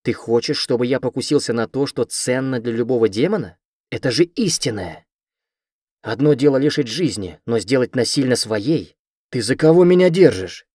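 A man's voice: mid-range voice, expressive, takes it slowly, hardly any pauses, a little mellow, dry recording, studio quality. A man reading the part of a proud young male demon who speaks in a growling, furious voice. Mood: outraged.

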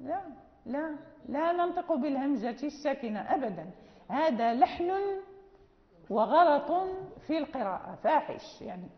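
A woman teaching Quran recitation rules, explaining patiently and slowly chanting example verses, firmly stressing the rules. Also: high voice, animated. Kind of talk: lecture on tajweed. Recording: dull lo-fi sound with long reverb.

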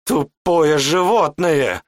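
A man's voice: a little high, moderate pace, fairly bright tone, dry recording, clean studio sound, voice pushed up, close to an everyday voice. A man voicing a cruel, furious old male mage who shrieks and screams insults. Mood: raging.

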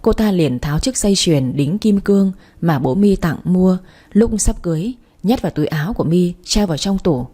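Woman narrator, storybook reading, low-pitched and husky. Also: lively intonation, normal speed, mellow.

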